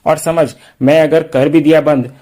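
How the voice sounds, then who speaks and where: A man's voice: fairly high pitch, fairly even intonation, measured pace, mellow, lightly acted. A man reading out the lines of a chatty, joking young husband in playful, teasing banter.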